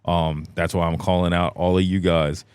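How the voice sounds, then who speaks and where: Deep-voiced man on a casual podcast. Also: normal speed, smooth, no echo. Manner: relaxed, rambling with many fillers. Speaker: guest host.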